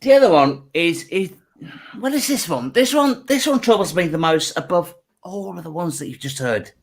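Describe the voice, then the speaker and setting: A man's voice: sits high, animated, moderate pace. A man doing a stand-up comedy set, chatty and stumbling, mocking himself.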